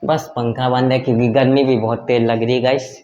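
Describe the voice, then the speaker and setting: A man's voice: mid-range voice, little pitch movement, a little fast, dark tone, dull audio. Young male vlogger, casual and chatty, speaking on a phone mic at home, with a faint noise floor. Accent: Hindi. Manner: chatty, teasing, addresses viewers as guys. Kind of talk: casual vlog chat. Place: home, indoors.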